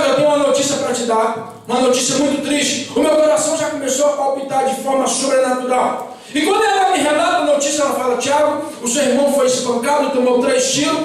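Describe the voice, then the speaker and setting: Brief: male preacher, high voice, dramatic testimony, recorded far off in a very echoey church hall. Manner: dramatic storytelling, acting out quoted dialogue. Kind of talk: sermon testimony.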